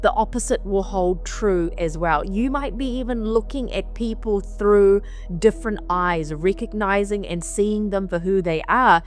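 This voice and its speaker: Soft music plays behind a woman giving a weekly spiritual mantra talk on the road as she travels. Her mid-range voice moves a little slowly, sounding slightly nasal and sniffly from allergies, and she rambles casually, repeating phrases to stress them.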